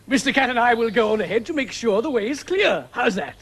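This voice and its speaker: A man playing a sly, smooth-talking fox swindler with a wheedling, flattering manner. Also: very high voice, fast talker, full character voice. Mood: scheming.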